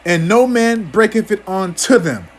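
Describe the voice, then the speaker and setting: A man's voice: high voice, lively intonation, measured pace, a little hiss or hum. A man giving an angry, profane commentary on scripture as a teacher, stammering through restarts and ending almost every phrase with "man".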